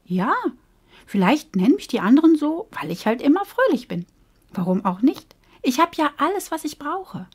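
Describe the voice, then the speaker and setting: A woman's voice: high-pitched, big pitch swings, moderate pace, voice pushed up. A woman voicing a cheerful, naive little fish trapped in a bottle, chirpy and carefree.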